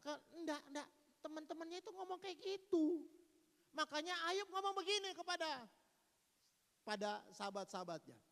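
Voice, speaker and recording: A man preaching a sermon as pastor, with an East Javanese accent and a lively manner, mimicking gossiping friends. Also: very high-pitched, normal speed. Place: church hall. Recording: long reverb of a church hall.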